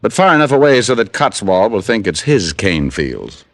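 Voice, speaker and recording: An actor playing a hard-boiled American private detective in an old-time radio drama, wry, clipped and pushy. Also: male voice, fairly low pitch, sing-song, normal speed, a bit bright, no room sound. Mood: cool, pressing.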